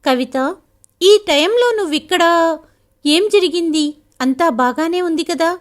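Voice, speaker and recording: A woman's voice: extremely high pitch, a little slow, pitched above the performer's own voice. A woman reading the lines of a protective middle-aged mother in a spoken family story, anxious and indignant. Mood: worried.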